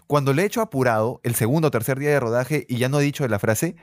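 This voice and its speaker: Man, casual podcast chat, animated storyteller, dry close sound. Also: mid-range voice, fast talker, no echo. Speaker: podcast co-host, filmmaker.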